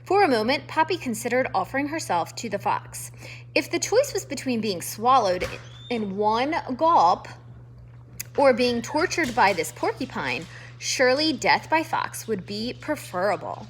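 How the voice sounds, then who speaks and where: A woman reading a children's novel aloud in a measured, expressive way. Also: a little high, a little hiss or hum. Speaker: reader. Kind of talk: storybook read-aloud.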